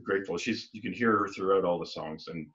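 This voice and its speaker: A man's voice: low-pitched, fast talker, fairly bright tone. A man, a band member, chatting in an interview, rambling with many restarts and acting out quoted exchanges. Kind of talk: casual interview talk. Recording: dull lo-fi recording.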